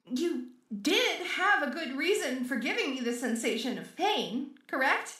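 A woman's voice: sits high, very animated, unhurried, pushed and bright, reverberant, distant mic, heavily acted. A woman playing an obsessive, lovesick female maid robot in an audio role-play, with clingy, menacing, unhinged villain sweetness. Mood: hurt, accusing.

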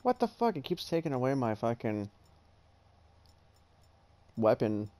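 Woman gamer, slow-paced, sweary chat with lots of laughing and swooping pitch. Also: big pitch swings, mellow. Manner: swears constantly, laughs and yelps in surprise. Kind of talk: gaming chat with a friend.

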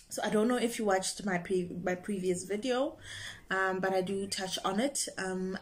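Bubbly young female opera singer, casual vlog delivery, quick to laugh. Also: medium pitch. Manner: bubbly, expressive, laughs and breaks into singing. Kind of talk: casual chat to camera.

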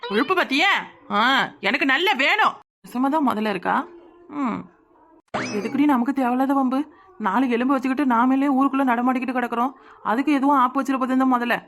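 A woman doing a sharp-tongued skinny village woman. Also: high voice, a little fast, long pauses, slight background noise. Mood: lecturing. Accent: Kanyakumari Tamil. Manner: scolding, mocking, lecturing. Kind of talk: comic cartoon voice acting.

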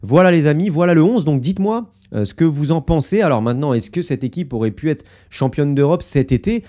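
A football YouTuber talks casually to camera, sharing his opinions with viewers and filling his analysis with fillers and asides. His voice sits on the high side, mellow and expressive, and he speaks a little fast.

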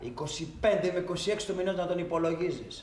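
A man's voice: sits high, lively intonation, echoey room. A man playing a brash, pushy undertaker who talks slangy and blunt on a phone call, in a comedy film. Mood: hustling. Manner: slangy, blunt, shouting down a bad line. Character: brash pushy male undertaker hustling for business.

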